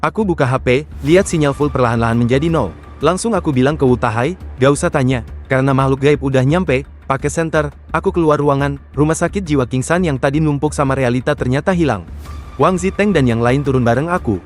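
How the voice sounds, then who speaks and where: A man's voice: mid-range voice, brisk, faint music behind. A man narrating a horror comic recap in the first person, in a casual, slangy storytelling manner.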